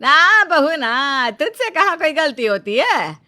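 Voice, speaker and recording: A bossy mother-in-law who scolds and taunts , played by a woman in a cartoon story. The voice is bright and a touch high, with a biting edge on every jab. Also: big pitch swings, normal speed, full character voice. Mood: scolding.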